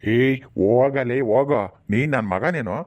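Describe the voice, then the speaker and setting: A man's voice: mid-range voice, normal speed, close to an everyday voice. An actor playing a drunken, abusive middle-aged father who slurs and bullies. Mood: scornful. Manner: slurred, bullying, shouting. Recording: dull lo-fi sound.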